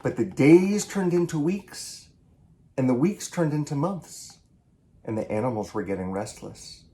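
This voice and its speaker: Animated man reading aloud to children. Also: mid-range voice, unhurried. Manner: theatrical, emphatic, with varied delivery. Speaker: children's author reading own book. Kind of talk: animated picture-book read-aloud for children.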